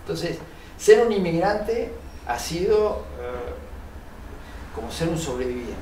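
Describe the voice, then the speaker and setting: An older man, born in Italy, talks through his answers earnestly and haltingly, full of pauses and fillers. His voice sits a little high, and it sounds roomy and distant, with steady noise in the background. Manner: hesitant, many fillers, earnest. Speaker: interview guest, engineer and researcher. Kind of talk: reflective interview answers. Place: TV studio set. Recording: roomy, distant mic, noisy.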